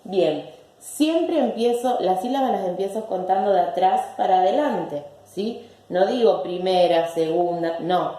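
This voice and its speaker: A woman's voice: on the low side, dark tone, roomy sound. A woman teacher giving a recorded language lesson, patiently repeating words syllable by syllable.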